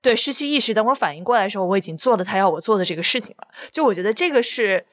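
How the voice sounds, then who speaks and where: A woman co-hosting a podcast in casual film discussion, retelling scenes in an animated way with sound words and acted-out lines. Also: mid-range voice, rapid-fire. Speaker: podcast co-host.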